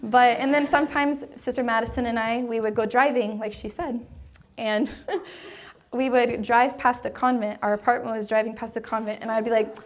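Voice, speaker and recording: A young woman with a fairly high voice shares her personal testimony as a religious sister. She tells it in a lively way, laughing often and filling her sentences with casual "like"s. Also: normal speed. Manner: lively storytelling with frequent laughter and "like" fillers.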